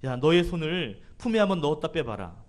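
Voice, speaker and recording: A man's voice: fairly high pitch, sing-song, fairly quick. A man voicing a stern, commanding divine figure who scolds and reassures emphatically.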